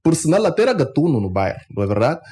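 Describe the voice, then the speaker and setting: A man with an Angolan Portuguese accent, speaking as a guest in a radio studio interview, emphatic and climbing sharply in pitch when he is indignant. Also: sing-song, racing, dark tone. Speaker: interview guest, party member.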